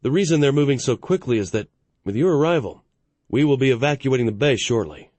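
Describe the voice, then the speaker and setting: A man's voice: mid-range voice, animated, fairly quick, darkish tone, no echo, pitched above the performer's own voice, lightly acted. A man voicing a stressed fleet officer. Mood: urgent. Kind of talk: audiobook narration.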